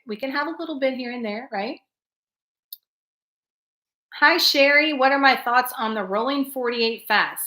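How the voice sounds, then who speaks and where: A woman's voice: medium pitch, bright, forceful tone, reverberant. A woman hosting a casual live chat, laughing often and talking straight to her viewers. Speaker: livestream host reading chat.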